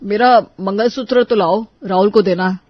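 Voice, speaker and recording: A performer voicing a stern, grumpy middle-aged father in a cartoon story, scolding gruffly. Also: mid-range voice, normal speed, dry recording, muffled recording, lightly acted.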